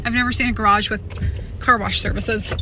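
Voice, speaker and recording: A woman's voice: fairly high pitch, steady tone, fairly quick, bright, forceful tone, slight background noise. An exhausted young American woman talking to her phone camera in a rambling, chatty way, full of fillers and restarts, as she vlogs her travels. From United States. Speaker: travel vlogger. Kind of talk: casual travel vlog.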